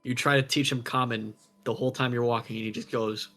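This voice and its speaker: Guy gm calmly describing the scene, bright voice, little music under it. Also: medium pitch, quick pace. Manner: calm, descriptive scene-setting. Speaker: game master. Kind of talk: narrating a tabletop game.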